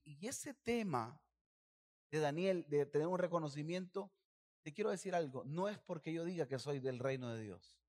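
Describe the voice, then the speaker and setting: A male pastor delivering a sermon with a high-pitched voice. He preaches emphatically and keeps calling the congregation to say phrases back with him. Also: a little mellow.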